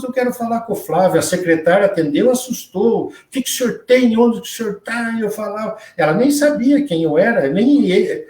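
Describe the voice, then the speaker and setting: A man's voice: high voice, a little mellow. Earnest man, roomy distant sound. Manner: earnest storytelling, quoting others in dialogue. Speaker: interview guest. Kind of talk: personal testimony in a live interview. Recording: roomy echo, distant from the mic.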